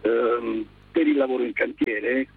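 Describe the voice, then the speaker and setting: A man calling into a radio show on speakerphone from his car, explaining things in a polite, practical, measured way. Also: mid-range voice, husky. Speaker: guest electrician. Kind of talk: radio phone-in conversation. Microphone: car hands-free speakerphone. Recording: muffled phone-line speakerphone audio.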